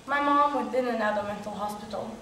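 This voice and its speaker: A woman's voice: fairly high pitch, fast talker, sharp tone. A young woman performing a stage monologue with earnest, confessional telling. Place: stage in a hall. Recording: roomy hall from far off, faint noise.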